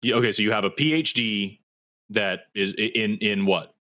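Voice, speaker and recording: A male talk show host questioning a caller, pressing for clear answers. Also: fairly low pitch, normal speed, pushed and bright. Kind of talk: call-in debate.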